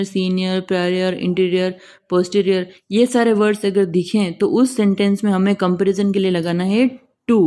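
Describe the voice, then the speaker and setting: A woman teaching English grammar for an exam, explaining each rule step by step and repeating example words slowly. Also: medium pitch, darkish tone. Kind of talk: exam-prep grammar lesson.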